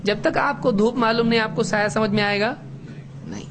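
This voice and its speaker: A man's voice: high voice, background noise. A middle-aged man giving a religious lesson to a class, asking questions and answering them himself. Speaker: religious teacher. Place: classroom with students.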